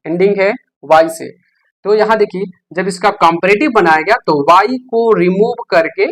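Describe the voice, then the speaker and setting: Teacher voice, patient classroom explainer, medium pitch, hesitant fillers. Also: normal speed. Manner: explanatory, asks rhetorical questions, frequent "है ना?" checks. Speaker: English teacher. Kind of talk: classroom-style grammar lesson.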